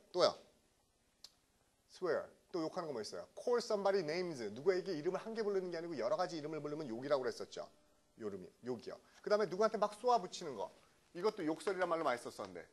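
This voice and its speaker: Animated man lecturing on vocabulary. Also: on the high side. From South Korea. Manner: lively, keeps checking in with the class. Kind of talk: classroom lecture.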